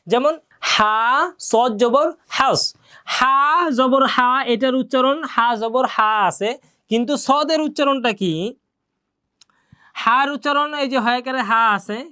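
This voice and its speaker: A fairly high-voiced woman teaches a Quran reading lesson. She explains each rule patiently, drills syllables one by one and keeps asking her students questions. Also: clean tone. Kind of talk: classroom lesson.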